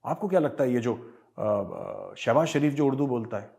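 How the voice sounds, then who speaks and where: A man's voice: mid-range voice, huge pitch swings, normal speed, gravelly, a little mellow. Emphatic Indian man hosting a Q&A. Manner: emphatic, switches between Hindi and English, says "yaar". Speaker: host answering viewer questions. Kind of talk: casual commentary Q&A.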